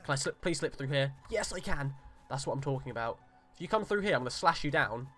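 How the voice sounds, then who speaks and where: A young man giving jokey, excitable let's play commentary, pleading with and yelling at the game. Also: medium pitch, fast, faint music behind. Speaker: gamer.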